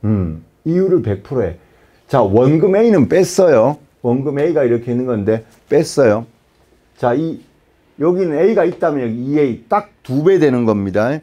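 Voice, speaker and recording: A man's voice: mid-range voice, animated, unhurried, mellow. A man teaching a math lesson in a casual, chatty way, often checking with the class. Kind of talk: lecture.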